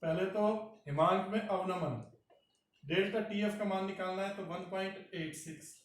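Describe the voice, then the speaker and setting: A man teaching chemistry, working a problem step by step and doing the arithmetic aloud. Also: sits high. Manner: slow, talks through arithmetic aloud. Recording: roomy echo from far off the mic.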